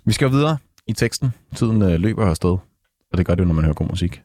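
A man with a notably deep voice talks through a record in a relaxed podcast chat, pausing often to search for words. His voice sounds dry and close, with no room around it. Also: no room sound. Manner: thoughtful, hesitant, many fillers. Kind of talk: casual music review chat.

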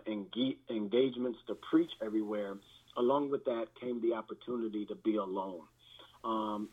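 Through thin, band-limited audio with phone-like quality, a man serving as a guest pastor shares a candid personal testimony. He speaks haltingly and reflectively, repeating words, and his voice sits lowish.

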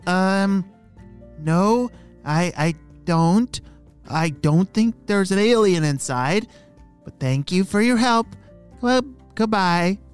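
A man voicing an excitable young male frog in a children's storybook, breathless and eager, full of exclamations. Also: sits high, slow, clear, resonant tone, faint music behind, voice pushed up. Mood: excited.

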